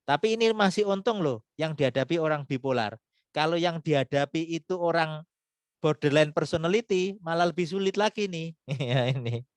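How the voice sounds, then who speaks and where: A man's voice: fairly high pitch, normal speed, no echo. Dry-voiced man explaining patiently. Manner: explains patiently with frequent "ya" tags; acts out little scenes in quoted voices. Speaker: speaker answering audience questions. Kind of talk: explanatory webinar talk.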